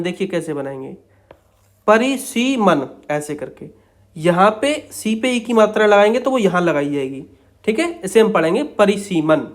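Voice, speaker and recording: A young man teaching shorthand, explaining each outline step by step in a patient, repetitive way. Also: sits high. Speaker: stenography teacher.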